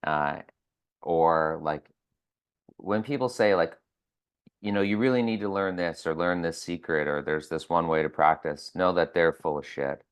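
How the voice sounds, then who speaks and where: Blunt, deep-voiced man guest. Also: unhurried, clear, resonant tone. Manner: blunt, swears, frequent false starts. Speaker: physiotherapist and educator, podcast guest. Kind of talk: casual podcast interview.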